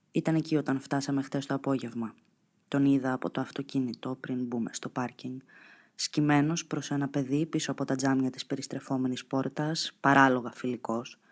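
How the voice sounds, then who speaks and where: A calm audiobook reader narrating a literary novel in the first person. The delivery stays measured and restrained, with a steady middle pitch.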